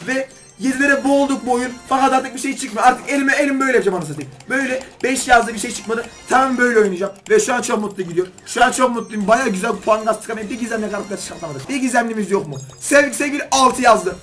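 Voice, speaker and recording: A man doing excited gaming commentary as a YouTuber, pleading with and scolding the game while opening loot boxes. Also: very high-pitched, quick pace, faint music behind.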